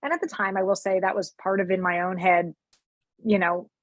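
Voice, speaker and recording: A woman's voice: medium pitch, fairly quick, no room sound, dull audio. A woman, a sleep consultant and guest, telling her own story with candor and liveliness, acting out the voices she quotes. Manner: lively, acts out quoted voices, many fillers. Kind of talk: candid personal storytelling.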